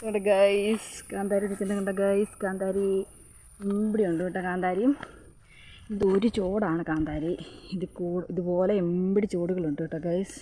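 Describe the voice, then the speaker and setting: A woman's voice: mid-range voice, fairly even intonation, normal speed, dark tone. A woman talking casually to her viewers while walking outdoors on a rural plantation, recorded on a handheld phone. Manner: chatty, addresses viewers often. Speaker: vlogger. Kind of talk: casual walk-and-talk vlog.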